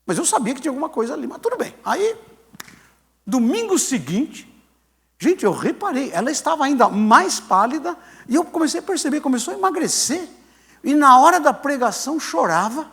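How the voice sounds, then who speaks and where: During a sermon, a pastor in his sixties tells a story with lively animation, performing the voices of its characters. His voice is very high-pitched, fairly quick, and carries vocal fry.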